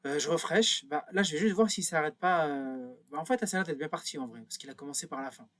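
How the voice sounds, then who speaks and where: A man's voice: a little high, fast, fairly bright tone. A man thinking aloud through a screen-recorded tutorial, with many fillers and self-corrections as he clicks. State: a bit nervous. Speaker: instructor.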